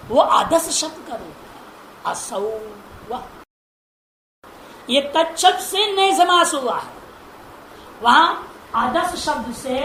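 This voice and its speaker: High-voiced woman teaching slowly in an echoey room. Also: a bit bright. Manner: slow, deliberate, repeating forms and asking rhetorical questions. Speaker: Sanskrit grammar teacher. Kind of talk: classroom lecture. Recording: roomy echo, faint background noise.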